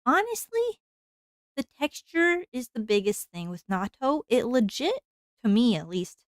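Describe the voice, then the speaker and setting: A woman's voice: fairly high pitch, big pitch swings, normal speed, no room sound, studio quality. A woman streamer chatting casually while she draws, rambling along with lots of fillers and frequent laughter.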